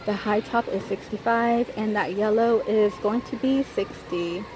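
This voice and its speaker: Holding her own camera, an American woman chats her way through a large store for a shopping vlog while store ambience is clearly audible. Her medium-pitched voice is unhurried and slightly dark, and the audio quality is poor.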